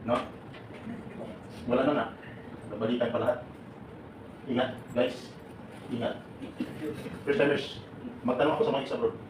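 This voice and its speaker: A man from the Philippines giving a lively talk to a seminar audience of departing overseas workers. He quizzes the crowd, laughs often and mixes English into his Filipino. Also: mid-range voice, normal speed, pauses often. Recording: echoey room, distant and noisy.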